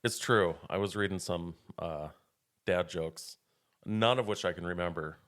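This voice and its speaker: Low male co-host, relaxed banter, playful and quick to laugh. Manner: jokey, laughs often, puts on silly voices. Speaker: podcast co-host. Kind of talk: casual chat.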